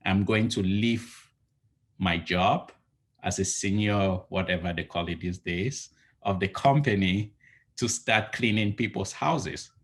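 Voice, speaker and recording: Speaking from his living room at home over a laptop webcam, a man in his thirties from Cameroon appears as an entrepreneur guest in a casual video call interview. He gives earnest advice that rambles and frequently restarts, in a low voice at a measured pace.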